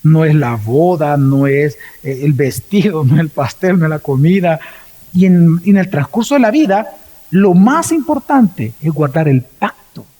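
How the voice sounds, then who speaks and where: A Salvadoran man, a pastor, preaching a sermon and telling a story, acting out the quoted words with sharp swings in pitch. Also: expressive, measured pace. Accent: Salvadoran Spanish. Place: church. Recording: long reverb of a church hall.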